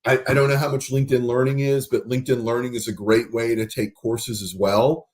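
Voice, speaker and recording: A man's voice: medium pitch, little pitch movement. Man hosting a podcast, spelling things out. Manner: explanatory, spells out words slowly. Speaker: podcast host. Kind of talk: casual podcast chat.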